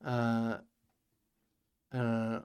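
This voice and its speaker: Man, game master, tabletop narration, halting, filler-heavy, mid pitch. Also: completely flat delivery, a little mellow, clean tone.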